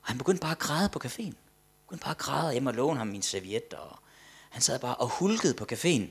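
A man delivers a fervent sermon in a husky, slightly breathy voice. His delivery swings from loud, ringing declarations down to soft, hushed asides. He often repeats words as he builds toward each point. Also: mid-range voice, animated. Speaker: preacher.

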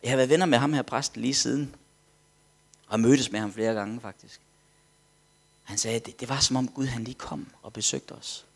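A man's voice: mid-range voice, fairly even intonation, long pauses. A man preaching, telling a story animatedly, acting out quotes and dropping to whispers. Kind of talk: sermon testimony storytelling.

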